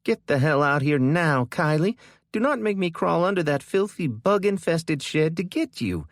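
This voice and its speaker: A man voices a furious, bossy young big sister in an audiobook, yelling and scolding angrily in a high, strained voice. She sounds loud and worked up, with lively intonation at a moderate pace. The sound is dry and close with no echo.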